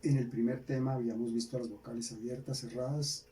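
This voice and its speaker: A Colombian man teaching a grammar lesson, slowly repeating key words for students to write down. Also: medium pitch, fairly even intonation, warm tone. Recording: distant mic, faint background hiss.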